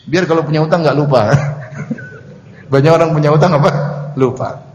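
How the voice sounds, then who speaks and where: A man's voice: fairly high pitch, moderate pace, darkish tone, highs cut off, slight background noise. A male preacher giving a study sermon, reciting Arabic prayers and explaining them with humor. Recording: echoey hall recording.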